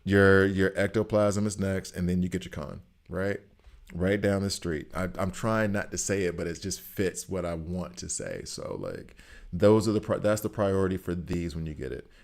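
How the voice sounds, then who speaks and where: A man's voice: sits low, moderate pace, creaky. A man from Alabama with a Southern US accent gives casual game commentary to viewers, repeating phrases for emphasis. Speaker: gaming content creator.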